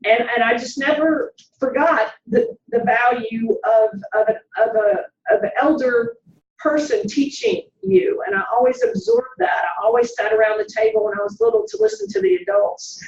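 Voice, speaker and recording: A woman's voice: fairly high pitch, animated, normal speed. A woman with a Southern US accent, telling stories in a chatty way with swooping intonation as an interview guest. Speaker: private investigator, guest. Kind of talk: animated storytelling in conversation. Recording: roomy, distant, slightly dull sound.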